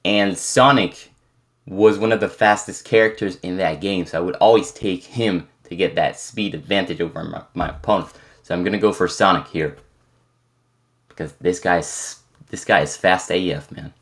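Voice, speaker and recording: A man's voice: deep voice, fairly even intonation, normal speed. A young French man in his twenties, a native French speaker with a mostly American-sounding English accent, casually answering viewer questions and rambling with many restarts. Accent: American-leaning English with slight French. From France. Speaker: content creator. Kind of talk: casual Q&A chat.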